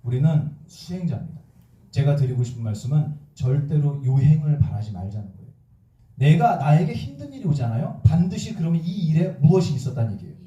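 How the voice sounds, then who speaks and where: Lively monk preaching in an echoey hall. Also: male voice, on the high side, fairly quick, far from the mic, muffled recording. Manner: lively, acts out quoted voices and jokes. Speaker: Buddhist monk giving a dharma talk. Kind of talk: sermon with questions to the audience. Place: temple hall.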